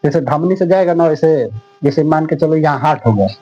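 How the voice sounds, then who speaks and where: A man's voice: fairly high pitch, fairly quick, warm tone. A man teaching a class in a casual, repetitive way, asking questions and answering them himself. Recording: dull lo-fi sound with faint music.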